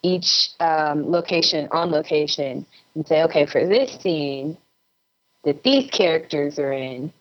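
An actress and filmmaker speaks as an interview guest, offering casual advice in a low-pitched, unhurried voice. She's heard over a remote call that sounds dull and lo-fi.

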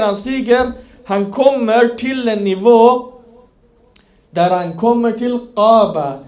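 A man's voice: high voice, darkish tone. A man giving a religious lecture, explaining terms and asking his listeners questions. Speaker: Islamic preacher. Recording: echoey room.

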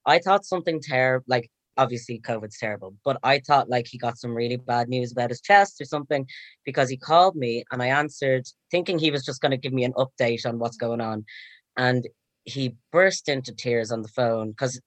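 A young man recounting events in casual chat, calm and measured as he retells a conversation. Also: mid-range voice, no room sound. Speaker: guest.

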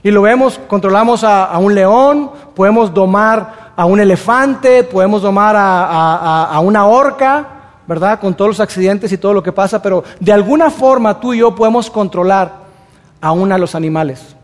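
A man preaching a sermon as pastor, in a conversational way, acting out everyday excuses in quick asides. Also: high voice. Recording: long reverb of a large hall.

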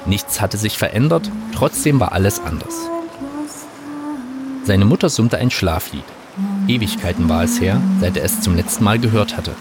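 A man narrating an audiobook in a calm, wry storytelling manner. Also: lowish voice, moderate pace. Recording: narration over music.

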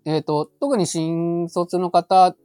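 A man's voice: fairly high pitch, fairly even intonation, takes it slowly, dark tone, smooth, dry recording. A man speaking as an expert guest, explaining advice conversationally in a polite, tentative way. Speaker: expert guest, labor consultant. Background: faint music.

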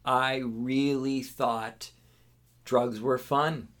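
A man's voice: medium pitch, fairly even intonation, drawn-out words, fairly bright tone. A man on a podcast talking earnestly and thoughtfully, often checking that the others agree. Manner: earnest, reflective, asks for agreement. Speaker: podcast co-host. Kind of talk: casual podcast discussion.

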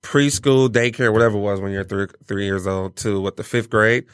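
A man's voice: fairly low pitch, brisk, clean tone, no room sound, studio quality. A man in his forties, born in Nigeria and raised in Michigan, talking casually as an interview guest with plenty of fillers. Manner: relaxed, many fillers, enthusiastic.

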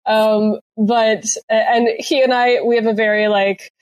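A woman chef recapping a cooking competition in casual chat, often pausing with ums and restarting her sentences. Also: on the high side, little pitch movement, darkish tone, dull audio. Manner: hesitant, lots of ums and restarts.

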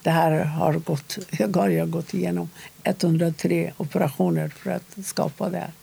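A woman interviewee recounting a personal story in a halting, measured way, with short pauses. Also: lowish voice, fairly even intonation, vocal fry, warm tone, husky.

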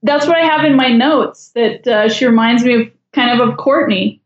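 A woman's voice: fairly high pitch, normal speed, muffled recording. Wry chatty woman on an echoey line. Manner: wry, chatty, judgmental humor. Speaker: podcast guest. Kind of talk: casual chat.

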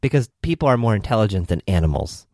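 A man's voice: fairly low pitch, very animated, fast, warm tone, no echo, studio quality. A man co-hosting a podcast, jumping in eagerly to argue a point in a casual book discussion. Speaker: podcast co-host.

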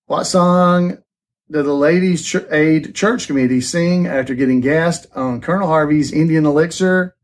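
A man hosts his podcast in a loose, chatty way, reading out each trivia question twice and laughing along. His voice sits a little high for a man. The tone stays easygoing and friendly. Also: normal speed. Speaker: podcast host. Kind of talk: casual podcast chat. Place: on a cruise ship.

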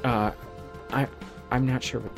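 A man's voice: medium pitch, steady tone, measured pace, creaky, music in the background. A North American man hosting a podcast, chatting casually in a jokey, rambling way with stammered restarts. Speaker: podcast host.

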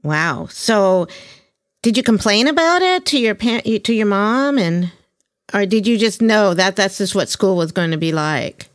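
A woman's voice: medium pitch, lively intonation, a little slow. A woman hosting a podcast interview, chatty and enthusiastic, often laughing as she talks. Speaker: podcast host. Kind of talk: casual interview.

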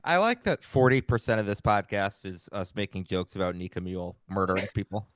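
A man's voice: on the low side, brisk, dry recording. A man co-hosting a casual sports podcast, teasing and playful. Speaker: podcast co-host.

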